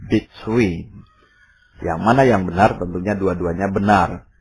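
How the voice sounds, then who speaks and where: A man, teaching an English lesson in a narrated recording, explaining step by step and saying example words slowly. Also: deep voice, slight background noise. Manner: explanatory, pauses with fillers, drills words slowly.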